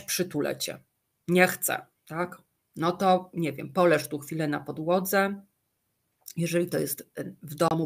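Woman lecturer, fairly low voice, relaxed explanatory delivery with asides and audience questions. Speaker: trainer. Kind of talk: online training lecture.

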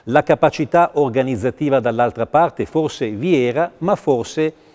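A man's voice: medium pitch, a little slow, darkish tone, long reverb tail. An older man giving news commentary in a TV studio, talking in a discursive, ironic way with many hesitations.

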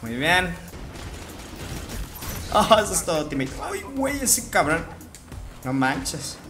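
A man with a Mexican Spanish accent giving live gameplay commentary as a streamer, jokey and profane, with sudden excited outbursts. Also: a little high, slow pace, over music. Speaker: gaming streamer.

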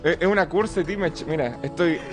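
A man's voice: on the high side, a little fast, faint music behind. A young Chilean man streaming live, chatting with his viewers, swearing freely and joking as he reads out donations. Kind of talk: casual live-stream chat.

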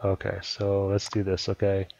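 A man casually explaining a video editing program step by step, in a relaxed way. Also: sits low, normal speed, vocal fry, dull audio, slight background noise. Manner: relaxed step-by-step explaining, repeats "let me go ahead". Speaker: software tutorial host. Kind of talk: casual screen-recording tutorial.

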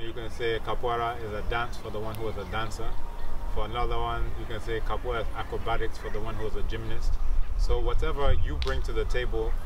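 A capoeira teacher and researcher in his thirties, speaking in a mid-range voice, explains didactically in an interview, frequently adding short tag questions to check the listener follows. The mic is distant, with background noise from the leafy outdoor setting.

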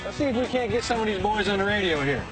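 A man's voice: high-pitched, expressive, very fast, music in the background. A football player hamming it up in trucker CB radio lingo, calling out to his buddies from his vehicle. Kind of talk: casual chat.

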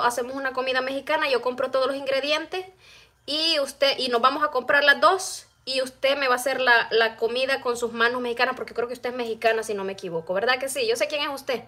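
A woman's voice: high-pitched, bright, forceful tone. A middle-aged woman, chatting casually on a phone live stream from her home kitchen while cooking and reading out viewers' comments. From El Salvador. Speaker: vlogger. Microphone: phone camera close-up.

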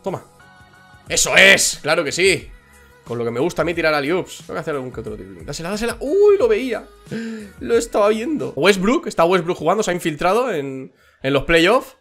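Excitable Spaniard shouting over basketball gameplay. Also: male voice, fairly high pitch, fast, faint music behind. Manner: excitable, shouts and laughs at big plays. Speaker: gaming youtuber. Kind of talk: gameplay commentary.

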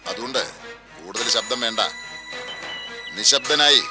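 A man's voice: mid-range voice, unhurried, lightly acted. An actor playing a menacing male villain who sneers and taunts his captive, in a TV serial, with music behind. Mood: threatening. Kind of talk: TV serial acting.

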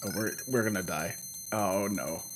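A man doing casual game commentary, reading screen text aloud and thinking out loud in a hesitant mutter. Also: on the low side, moderate pace, noisy background. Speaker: gamer, host of a let's play. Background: retro video game music.

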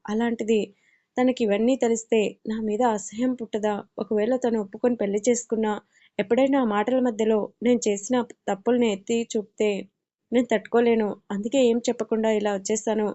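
A woman's voice: fairly high pitch, level tone, brisk, warm tone, highs cut off, close to an everyday voice. A woman narrator voicing a tearful young woman, hesitant and sorrowful, ashamed of her past.

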